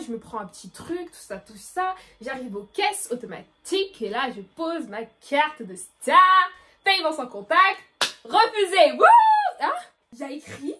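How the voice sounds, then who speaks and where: High-voiced dramatic teen girl vlogger. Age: late teens. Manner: animated, dramatic retelling with outbursts. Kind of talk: storytime vlog.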